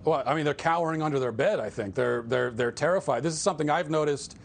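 A man's voice: fairly high pitch, gravelly, a little hiss or hum. A man as an interview guest, talking earnestly and restarting his sentences often. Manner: earnest, halting with repeated restarts. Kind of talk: political interview.

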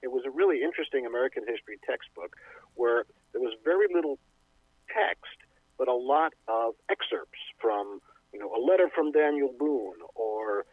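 A man being interviewed as a radio guest over a tinny phone line, telling stories in a halting, self-interrupting way. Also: medium pitch, lively intonation, slightly rough, no echo. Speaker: radio show guest, poet and speaker. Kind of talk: conversational interview. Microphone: phone call.

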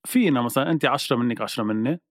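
A man with a Lebanese Arabic accent in casual chat, bantering in an animated, argumentative way. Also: mid-range voice, very fast, no room sound, studio quality.

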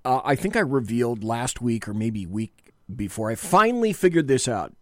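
A man's voice: medium pitch, very animated, moderate pace, a little mellow, no echo. A man co-hosting a political talk show in a small studio, chatting casually in a self-deprecating way that rambles with restarts.

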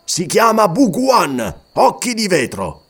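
A man voicing an older male hunter who speaks in a measured, persuasive way in an audiobook. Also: sits high, wildly swooping pitch, a bit bright, breathy edge, exaggerated voice. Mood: earnest.

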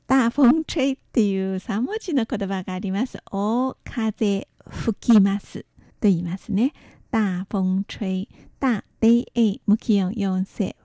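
A woman leads a radio language lesson, explaining Chinese words and their tones. She speaks slowly and carefully, spelling out sounds letter by letter. Her voice is mellow and soft, recorded close and dry. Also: medium pitch, no room sound. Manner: slow, careful, spells out pronunciation.

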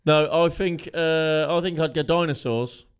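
A man's voice: on the high side, measured pace, smooth. A man in a casual podcast chat, swearing freely with playful outrage.

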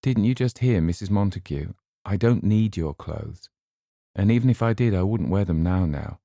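A man's voice: low voice, animated, normal speed, vocal fry, dark tone, dry recording, clean studio sound, heavily acted. A man voicing a young woman who speaks firmly and patiently. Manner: patient, firm. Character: firm but blunt young woman friend.

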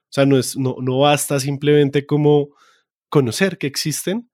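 A young man from Colombia with a Bogotá accent, co-hosting a podcast in relaxed, self-mocking casual chat. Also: a little high, normal speed, no room sound, studio quality. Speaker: podcast co-host.

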